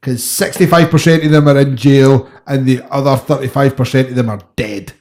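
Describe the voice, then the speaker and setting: A man's voice: mid-range voice, steady tone, a little fast, darkish tone. A man co-hosting a casual podcast chat, bantering and throwing in wisecracks. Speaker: podcast co-host. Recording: echoey room.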